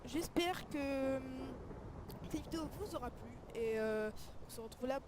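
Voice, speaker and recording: A woman's voice: high voice, unhurried, noisy background. A woman casually commenting on a game texture pack as a video creator, hesitant and often searching for her words. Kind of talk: casual screen-recorded commentary.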